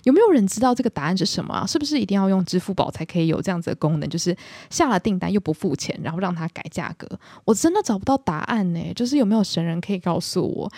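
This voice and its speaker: Brief: young woman, rapid and animated, pokes fun at herself, dry close mic. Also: mid-range voice, slightly rough, dry recording. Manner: animated, self-mocking storyteller. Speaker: podcast host. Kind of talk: casual solo storytelling.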